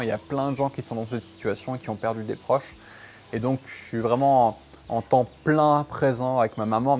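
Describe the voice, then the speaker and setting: A man's voice: mid-range voice, a little mellow, slight background noise. A man in his thirties from France, an entrepreneur talking straight to the viewer at home in a casual motivational monologue with frequent fillers. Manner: direct, addresses viewer as "tu", many fillers. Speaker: entrepreneur sharing life lessons.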